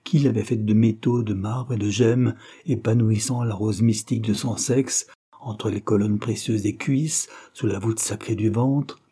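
A man narrating a classic novel in a measured, expressive audiobook reading. His voice sits low, with a dark, mellow tone and a husky grain.

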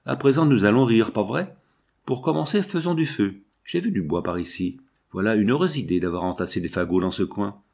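A man reading a storybook and voicing a cocky teenage boy with a raspy voice, breezy and mock-ceremonious. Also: lowish voice, expressive, a little fast, a little mellow. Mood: cheeky.

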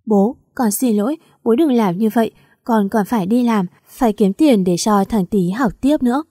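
A woman's voice: on the high side, moderate pace, warm tone, dry recording, clean studio sound, natural voice. A woman reading the part of a remorseful young daughter, sobbing and pleading with her father.

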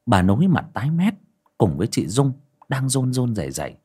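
A man narrates a horror audiobook with suspense. His voice is husky and breathy. His pitch swings widely from line to line. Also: wildly swooping pitch, brisk, warm tone. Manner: dramatic, suspenseful storytelling.

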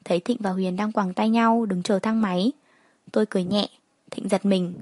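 A young woman reads a first-person story in a calm, plain manner. Her pitch sits in the middle range. The recording is dry and close, with no room echo. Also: normal speed.

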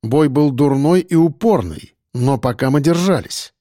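A man narrating an audiobook in the first person in a steady, tense storytelling manner. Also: on the high side, measured pace, no room sound, clean studio sound.

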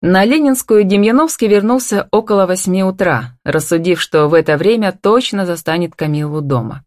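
A woman narrating a novel as an audiobook in an even, expressive storytelling voice. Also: medium pitch, moderate pace, no echo, clean studio sound. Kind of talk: scripted narration.

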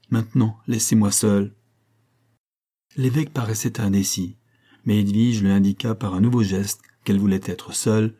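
Low husky male audiobook narrator. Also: warm tone.

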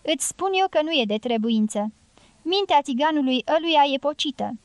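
A woman reading an audiobook, voicing a loud, blunt, domineering middle-aged guerrilla woman in a raised, forceful voice. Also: high-pitched, lively intonation, no echo, voice pushed up. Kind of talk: audiobook character voice.

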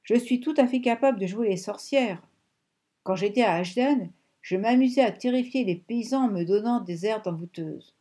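A woman reading an audiobook, voicing an eager, sharp-tongued young girl with a raised, lively tone. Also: a little high, moderate pace, voice pushed up, lightly acted.

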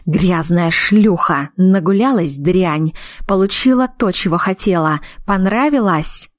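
A woman voicing a jealous, violent young husband who speaks slowly and coldly. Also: on the low side, dry recording, studio quality, lightly acted. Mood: furious. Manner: slow, cold and threatening.

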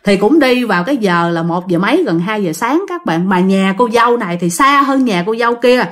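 A woman casually telling a ghost story, animated and speaking directly to her listeners. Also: mid-range voice, brisk.

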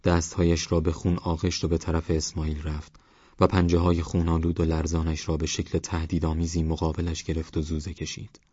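Man, audiobook narrator, very deep voice, calm measured reading, slightly dull recording. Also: husky, no echo.

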